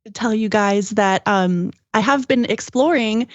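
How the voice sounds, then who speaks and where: A woman's voice: medium pitch, a little slow, dry recording, highs cut off. A woman co-hosting a podcast, chatting casually and telling personal anecdotes. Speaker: podcast co-host. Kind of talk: casual chat.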